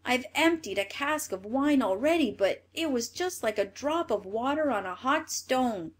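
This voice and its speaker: A woman voicing a miserable, endlessly thirsty man who complains in a plaintive, drawn-out way. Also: high voice, lively intonation, darkish tone, voice pushed up, full character voice.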